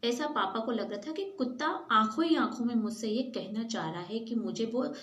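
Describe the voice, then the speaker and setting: Woman teacher, high voice, patient story explanation, echoey room. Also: normal speed, a bit bright. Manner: patient, retells in simpler words. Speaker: school teacher. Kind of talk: reading and explaining a story to a class.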